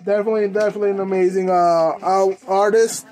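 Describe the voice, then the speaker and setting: A young man with an American accent talks to the camera in a casual unboxing style. His delivery is informal and slangy, moving along in halting phrases. He sounds like he is indoors, a short distance from the camera. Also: high-pitched, little pitch movement, mellow. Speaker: host of a clothing collecting channel. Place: indoors in a room at home.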